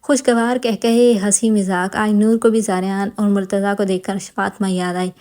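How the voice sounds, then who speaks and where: Warm, mellow woman narrating a novel. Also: medium pitch. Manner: calm, even storytelling. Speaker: audiobook narrator.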